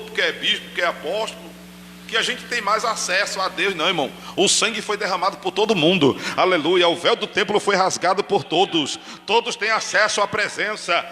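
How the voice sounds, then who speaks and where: A man's voice: high voice, long reverb tail, a little hiss or hum. A man preaching a sermon in church on a microphone, talking straight to the congregation and acting out cries. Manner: animated preaching, addresses congregation directly, acts out shouted cries. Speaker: pastor. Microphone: handheld microphone.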